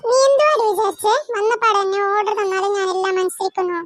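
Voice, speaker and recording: A woman's voice: very high-pitched, quick pace. A woman voicing a cheeky, whiny little girl who teases her older sister in a cartoon. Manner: whiny, teasing. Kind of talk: cartoon voice acting.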